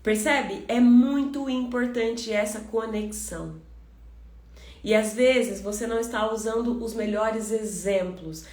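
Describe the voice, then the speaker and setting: A Brazilian woman coaching on communication, talking fast and directly to the listener as a friend. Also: medium pitch, roomy sound. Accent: Brazilian Portuguese. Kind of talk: motivational podcast talk.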